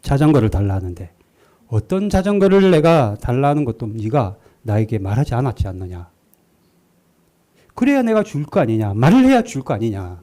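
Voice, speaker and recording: God speaks as a stern father, setting out his reasons in a firm, measured way, as a male preacher acts him out in a sermon. The voice stays lively but mellow. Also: mid-range voice, lightly acted.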